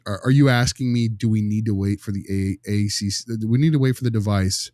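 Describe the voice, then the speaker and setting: Speaking fast in a fairly low, slightly mellow voice, a male behavior specialist chats on a podcast panel. He's wry, wordy and colloquial as the group discusses and role-plays cases, and the studio-quality audio has no echo.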